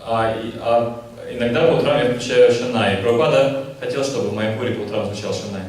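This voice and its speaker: Fast-talking male interpreter in a hall. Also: medium pitch, steady tone, darkish tone. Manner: brisk, rephrases as he goes. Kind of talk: consecutive translation of a lecture. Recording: echoey hall, from far off.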